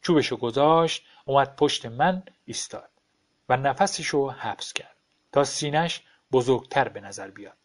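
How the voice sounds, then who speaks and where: Calm, detached male narrator. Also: mid-range voice. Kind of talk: audiobook story reading.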